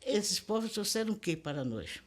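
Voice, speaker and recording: A woman's voice: medium pitch, big pitch swings, normal speed. An older woman with a Bahian accent, speaking as a linguist in a documentary interview, lecturing emphatically and asking rhetorical questions.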